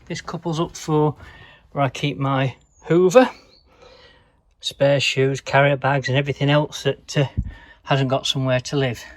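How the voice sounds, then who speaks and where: A man's voice: mid-range voice, level tone, a little slow, no echo. Man, casual vlogger, chatty and rambling, handheld camera in a boat cabin. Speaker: vlogger showing his boat. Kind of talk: casual vlog tour. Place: narrowboat cabin, indoors.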